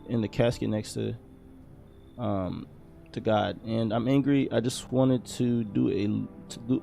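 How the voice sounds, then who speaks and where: A man's voice: medium pitch, gravelly, dark tone, natural voice. A man voicing an angry, resentful male musician in a video game, grumbling his lines. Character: bitter angry male musician, fed up with everyone.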